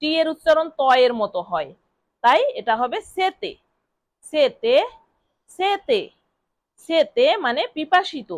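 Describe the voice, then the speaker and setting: A woman's voice: high voice, big pitch swings, no room sound, clean studio sound. Woman teacher, keeps repeating words and spelling them, asks and answers her own questions. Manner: repeats each word slowly and spells it out letter by letter. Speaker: language teacher. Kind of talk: vocabulary lesson.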